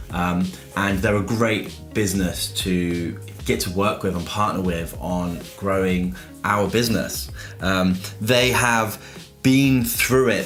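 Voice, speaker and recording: A low-pitched man, a book reviewer who also owns a software business, gives an informal book review to camera. He explains things casually, leaning on everyday analogies and rhetorical questions.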